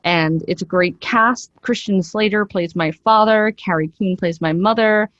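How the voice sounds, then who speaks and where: A woman with a mid-range voice and a fairly bright tone talks a little slowly, recorded with no room sound and lo-fi quality. She's an actress and voiceover artist appearing as an interview guest, explaining things in a chatty, enthusiastic, conversational way.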